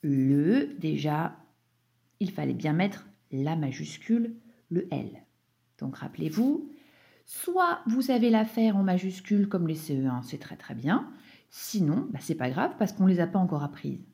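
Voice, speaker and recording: A woman teacher slowly correcting a dictation for young pupils, spelling words out letter by letter with patient explanations. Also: lowish voice, big pitch swings, creaky, mellow. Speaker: primary school teacher.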